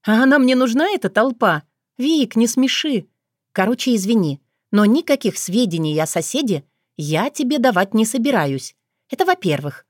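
A woman's voice: fairly high pitch, lively intonation, normal speed, dry recording, clean studio sound, voice pushed up. Woman reading a blunt, teasing older sister. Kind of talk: audiobook character voice.

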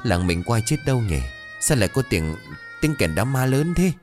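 Male narrator voicing a shrill country wife, scolding, raised pitch. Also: big pitch swings, moderate pace, soft background music, natural voice. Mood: alarmed. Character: frightened then furious village wife.

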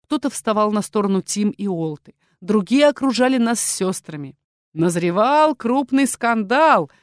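A woman narrating a fantasy audiobook with a lively, dramatic reading. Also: mid-range voice, dry recording, clean studio sound.

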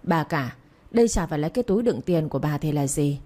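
A woman reading the part of an elderly head of the household, gruff and furious. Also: low-pitched, lively intonation, fast talker, dark tone. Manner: gruff, pronouncing each word.

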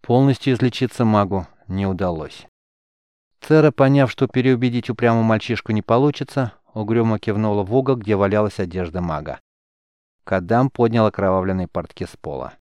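A man narrating an audiobook in a steady, expressive reading style. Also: fairly low pitch, brisk, clear, resonant tone, no room sound. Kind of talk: scripted narration.

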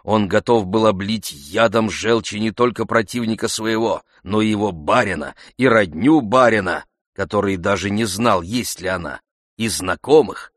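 A man narrating a classic novel in a measured, even manner. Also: fairly low pitch, no echo, clean studio sound. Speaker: audiobook narrator.

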